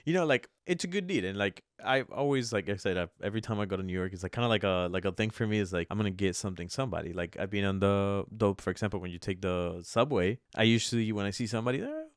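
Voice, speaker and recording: A man with a fairly low voice talks quickly and loosely on a podcast, running stories together and swearing casually. The sound is dry and close, with no room around it. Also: dry recording. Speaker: podcast co-host. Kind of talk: casual chat.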